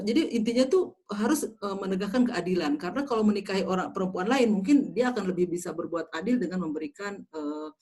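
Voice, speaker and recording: A middle-aged woman lecturer, giving a university lecture and pausing often on filler sounds. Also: fairly low pitch, darkish tone. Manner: hesitant, many filler sounds and tag questions. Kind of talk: university lecture on Islamic jurisprudence.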